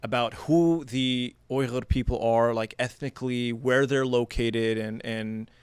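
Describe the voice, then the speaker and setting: Earnest podcast host in a dry studio. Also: male voice, medium pitch, steady tone, a little slow, clear, resonant tone, no echo. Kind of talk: podcast interview, read-out intro.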